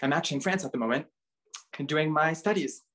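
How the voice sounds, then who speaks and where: A young man from Bulgaria who grew up in Canada, a model and dancer, chats casually as an interview guest, peppering his speech with "like" and "um." He talks fast in a somewhat high, slightly bright voice.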